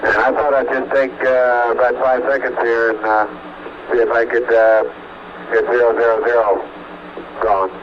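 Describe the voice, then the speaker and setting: Man on crackly, breaking-up space radio. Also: medium pitch. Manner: terse, calm, halting with fillers. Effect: crackly, breaking-up space-to-ground radio. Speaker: astronaut on the lunar lander. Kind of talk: clipped radio procedure talk. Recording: noisy, muffled archival space radio.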